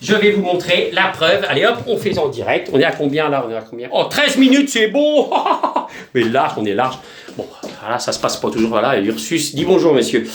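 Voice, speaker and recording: A man's voice: mid-range voice, lively intonation, quick pace, fairly bright tone, reverberant, recorded from a distance, a little hiss or hum. A man chatting in a rambling, joking home video, with crude asides and chanted nonsense magic words. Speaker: video host.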